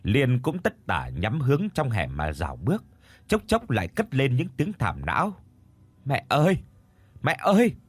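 A man narrating a scripted ghost story in a dramatic, expressive manner. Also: medium pitch, moderate pace, husky.

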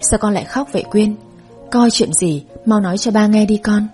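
A woman voicing a gentle, hard-working father who soothes and reassures his daughter. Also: medium pitch, normal speed, faint music behind, close to an everyday voice. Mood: concerned.

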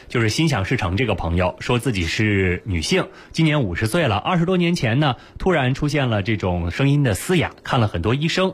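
A man hosting a radio health call-in show, with a quick, announcer-like delivery into a studio microphone. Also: medium pitch, breathy edge. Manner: fast, lively announcer delivery.

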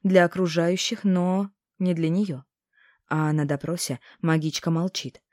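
A cold, mocking male inquisitor, put on by a woman reading an audiobook, who drags out his threats slowly and deliberately. The voice sits a little low, and the recording is close and dry. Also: steady tone, a little mellow, dry recording, close to an everyday voice. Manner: slow, measured, threatening. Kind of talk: audiobook character voice.

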